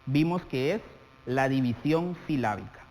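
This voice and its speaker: A man from Guatemala teaching a televised classroom lesson, speaking straight to the viewer and drawing out example words slowly. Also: medium pitch, expressive, a little mellow. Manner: addresses the viewer directly, stretches out example words while dictating. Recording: TV studio audio with long reverb and faint hum.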